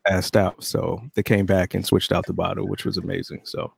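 A man's voice: low voice, little pitch movement, normal speed, gravelly, breathy edge, dry recording, clean studio sound. A man in casual chat, telling stories with enthusiasm. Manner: enthusiastic storytelling, chuckles often.

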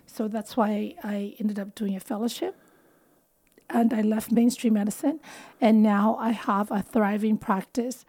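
A woman's voice: medium pitch, warm tone. Earnest woman in her fifties. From United States. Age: 50s. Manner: earnest, explanatory. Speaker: guest physician. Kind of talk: interview conversation.

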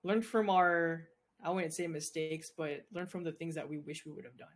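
A man's voice: fairly high pitch, steady tone, normal speed. A young adult man co-hosting a casual podcast, talking in a laid-back, easygoing way with casual slang. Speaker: podcast co-host. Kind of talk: casual chat.

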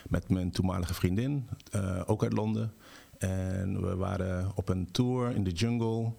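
A man from the Netherlands, a shaman guest, telling his story at length in a relaxed way and mixing English words into his talk. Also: sits low, a little slow, creaky. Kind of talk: storytelling in a podcast interview.

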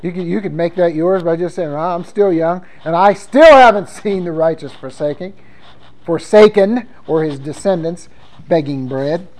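High-voiced male pastor preaching. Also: moderate pace, darkish tone, rough recording. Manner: conversational preaching, reading scripture aloud with emphasis. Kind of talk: sermon.

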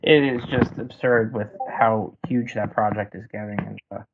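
A man hosting a casual interview, relaxed and rambling with frequent "um" and restarts. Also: fairly low pitch, normal speed, phone-quality sound, slight background noise. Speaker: podcast host.

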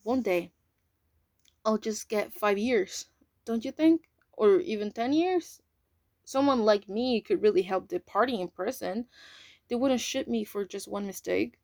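A woman's voice: medium pitch, a little slow, a little mellow, no echo, natural voice. A woman voicing a frightened man prisoner who talks anxiously, close to tears.

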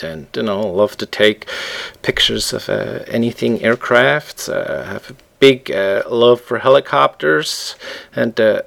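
A middle-aged man from Switzerland, a guest on a podcast, talking in a relaxed way and often pausing with ums as he looks for words. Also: medium pitch, gravelly. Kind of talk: casual interview conversation.

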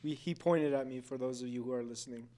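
A young man co-hosting a casual chat over a meal, joking and quick to laugh. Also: medium pitch, mellow. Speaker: podcast co-host.

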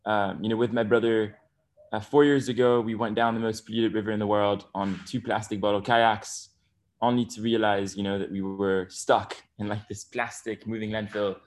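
A man's voice: lowish voice, flat delivery, normal speed. Enthusiastic young man with lots of ums. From Bali, Indonesia. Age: 20s. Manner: enthusiastic, many fillers and restarts. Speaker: guest. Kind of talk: podcast interview.

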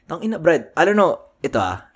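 A man's voice: on the high side, very animated, brisk, slightly rough. A man co-hosting a casual podcast, chatting in slangy mixed Tagalog and English, swearing often and laughing easily. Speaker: podcast co-host. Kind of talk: casual chat.

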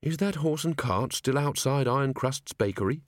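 A man's voice: a little high, very animated, moderate pace, no room sound, clean studio sound, voice pushed up. A man doing a polite, earnest young watchman. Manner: courteous, earnest.

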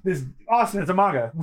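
Guy hosting a manga readalong, pretty high voice, very animated, casual. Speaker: podcast host. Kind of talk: casual manga read-aloud and chat.

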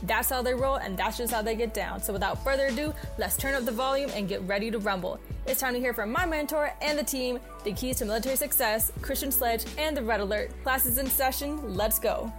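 High-voiced woman, punchy hype announcer. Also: brisk, few pauses. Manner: punchy, promotional, rousing. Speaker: show announcer. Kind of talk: scripted hype intro, like an energy drink ad. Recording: voice over music bed. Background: music.

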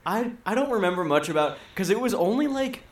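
A man's voice: high voice, lively intonation, brisk, background noise. A man co-hosting a podcast, chatting casually about films and television. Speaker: podcast co-host. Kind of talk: casual film chat. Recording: roomy, echoing sound.

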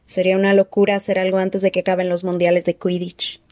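Woman doing a cold dark-lord man, slow soft hissing threats, mellow dark tone, storybook reading. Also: on the low side, monotone, no echo, natural voice.

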